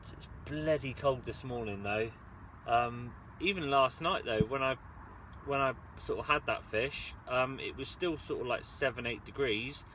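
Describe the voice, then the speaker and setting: A man with a British accent talks casually to camera in a bright, forward voice of medium pitch. He rambles along in an understated way, like an everyday vlogger. The recording is made outdoors, with some background noise behind him. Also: normal speed. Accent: British English. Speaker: angler filming a fishing vlog. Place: outdoors at a fishing lake. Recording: noisy outdoor recording with steady ambience.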